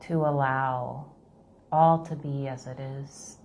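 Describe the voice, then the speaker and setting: A woman leading a guided meditation in a calm, low, unhurried manner. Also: slight background noise.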